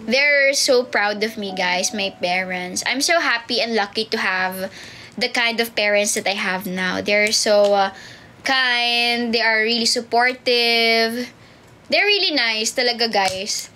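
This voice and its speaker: A woman's voice: a little high, a little slow, pushed and bright, a little hiss or hum. A playful woman in her twenties with a Filipino accent, chatting casually on a livestream and answering viewer comments with jokes. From Philippines. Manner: playful and joking, mixes Tagalog and English.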